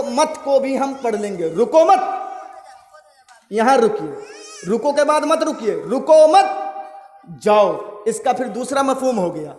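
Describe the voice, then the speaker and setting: A man preaches a fiery sermon in a very high, ringing voice, stretching each phrase slowly and chanting it out. His delivery swells toward shouts. The sound carries the heavy echo and long reverb of a public address system at an open-air gathering. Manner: drawn-out sing-song delivery, swelling to shouts. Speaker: Islamic preacher.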